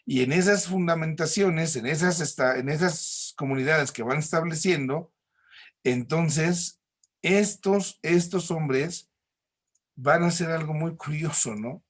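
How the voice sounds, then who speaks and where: Speaking at a measured pace in a slightly high voice, a Mexican-accented man leads a recorded church class. His explanations are patient, built on everyday examples and sprinkled with tag questions.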